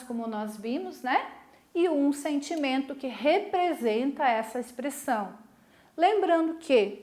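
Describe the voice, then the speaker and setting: A woman's voice: high-pitched, reverberant. A woman teacher giving a recorded school lesson, explaining patiently and often checking with her students. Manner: explains patiently, keeps asking "né?" to check understanding.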